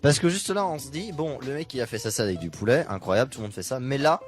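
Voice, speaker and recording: A man's voice: mid-range voice, expressive, fast talker, over music. A man hosting a casual radio cooking segment in a small studio, joking and giving running commentary while he works. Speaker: radio host cooking on air. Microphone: studio microphone.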